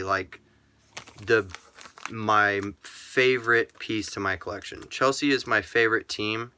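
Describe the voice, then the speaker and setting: A man casually chatting through his sports card collection in a relaxed, rambling way, full of ums and uhs. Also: on the low side, clear, resonant tone. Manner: talks to himself aloud. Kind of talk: casual vlog chat.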